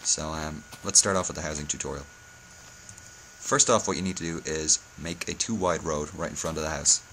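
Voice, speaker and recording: A man's voice: extremely low pitch, steady tone, brisk, a bit bright, slight background noise, poor audio. A hungover man giving a casual game-building tutorial, speaking hesitantly and often correcting himself. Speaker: video tutorial host.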